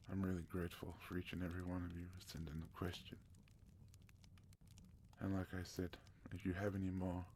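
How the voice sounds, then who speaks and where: A man from South Africa hosting a soft-spoken ASMR question-and-answer session, gentle and sometimes slipping into a whisper. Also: low-pitched, a little hiss or hum. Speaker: ASMR channel host.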